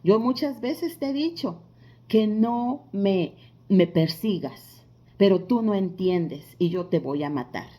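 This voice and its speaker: A woman putting on a loud, menacing demon. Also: mid-range voice, animated, slow pace.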